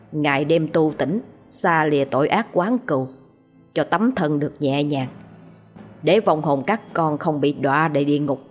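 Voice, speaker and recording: A woman voicing a stern elderly male exorcist who speaks solemnly and admonishes a spirit, over faint music. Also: deep voice.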